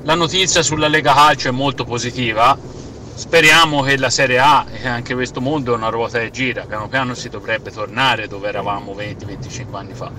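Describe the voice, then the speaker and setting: A man's voice: mid-range voice, fairly even intonation, fairly quick, pushed and bright. A man leaving a casual voice message with his opinions for a sports radio show. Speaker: listener sending a voice message. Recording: distant, noisy outdoor voice message.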